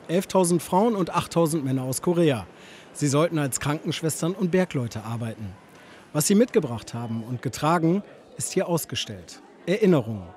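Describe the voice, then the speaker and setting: A man narrating a news report voice-over in a measured, even manner. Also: a little high, slight background noise.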